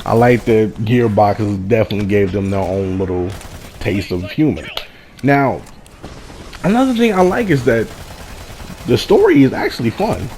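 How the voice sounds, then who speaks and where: A man's voice: on the low side, very animated, moderate pace, long pauses, a little mellow. Man reviewing games over background noise. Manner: repeats and rephrases himself for emphasis. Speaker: video game reviewer. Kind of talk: casual spoken game review, first impressions.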